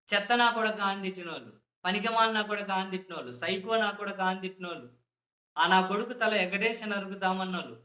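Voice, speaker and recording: A man's voice: high-pitched, sharp tone, echoey room. A man giving impassioned political commentary, indignant and full of repeated rhetorical questions.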